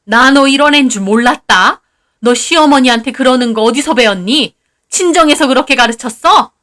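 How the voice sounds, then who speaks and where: A woman voicing a sharp-tongued, domineering older mother-in-law who scolds in shrill outbursts. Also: moderate pace. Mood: scolding.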